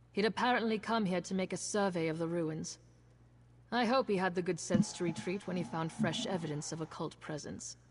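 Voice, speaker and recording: A woman's voice: on the low side, close to an everyday voice. An actress playing a wary, practical woman gambler in a video game, speaking in a dry, matter-of-fact way. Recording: long reverb, faint noise.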